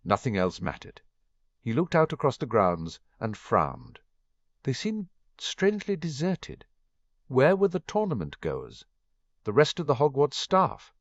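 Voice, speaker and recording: A man's voice: mid-range voice, a little slow, dry recording, muffled recording. A man narrating a fan fiction audiobook, reading expressively. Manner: expressive reading with varied voices.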